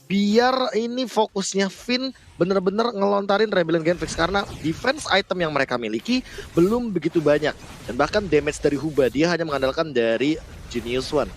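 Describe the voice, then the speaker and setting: An Indonesian man works as an analyst on an esports broadcast. His voice is a little high and he explains the match in detail, with faint noise behind him. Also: a little fast. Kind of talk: analytical game commentary.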